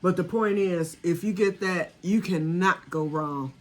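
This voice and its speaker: Chatting casually and directly to viewers, a home vanilla maker in her sixties rambles about her latest homemade batch. She speaks at a measured pace in a fairly low-pitched voice.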